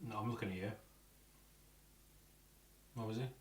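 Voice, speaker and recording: A man's voice: fairly low pitch, steady tone, moderate pace, distant mic. A man co-hosting a live ghost hunt at night, chatting casually with a chuckle. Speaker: paranormal show co-host. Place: old house at night. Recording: echoey room, away from mic.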